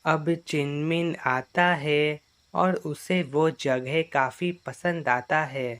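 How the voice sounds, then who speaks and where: A narrator tells a children's cartoon story at a slow, plain pace. The voice sits at a middle pitch. Nothing about it is dramatic. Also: steady tone, fairly bright tone.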